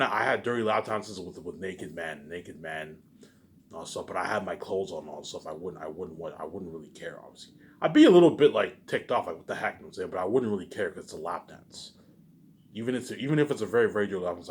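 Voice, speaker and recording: A low-sitting male voice with lively intonation and a quick pace belongs to a vlogger rambling repetitively at his viewers. He swears a lot, his emphatic bursts sliding into muttered tags, all over a clearly noisy background.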